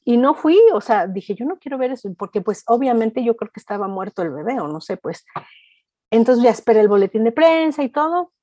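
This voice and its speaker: A woman's voice: fairly high pitch, lively intonation, brisk, warm tone, no echo. A middle-aged woman with a Mexican accent, a culture reporter telling anecdotes in a casual interview and acting out the people she quotes.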